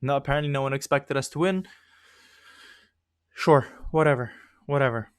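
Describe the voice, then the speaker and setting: A young gaming YouTuber, not a native English speaker, rambles through casual commentary on his own gameplay, mocking himself and laughing often. His voice sits at medium pitch and normal speed with a clean tone. The studio-quality recording has no room sound.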